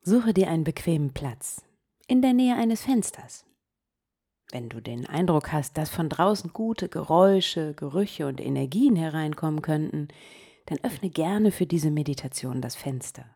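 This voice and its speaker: A woman hosting a guided meditation podcast, speaking softly and gently, often sinking into a whisper. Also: deep voice, lively intonation, slightly rough. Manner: slow, soft-spoken, gently guiding, drops into whispers.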